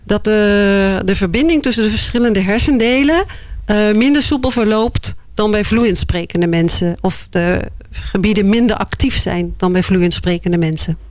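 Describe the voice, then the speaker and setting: A woman answering interview questions in a thoughtful, hesitant way, often pausing with fillers. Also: mid-range voice, no echo. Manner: thoughtful, hesitant, many "eh" and "ja" pauses. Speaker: board member of a foundation, interview guest.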